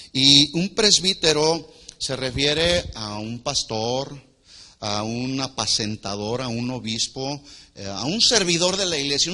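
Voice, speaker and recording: A man preaching a sermon to a congregation as their pastor. He asks the people questions, waits for their answers, and swings between loud emphatic lines and quiet asides. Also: medium pitch. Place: church hall before a congregation.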